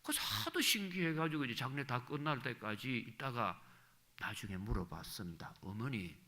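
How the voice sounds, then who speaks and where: Middle-aged male pastor, lively sermon delivery, very bright ringing tone, emphatic storyteller. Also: medium pitch, moderate pace. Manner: animated storytelling, rising to emphatic peaks.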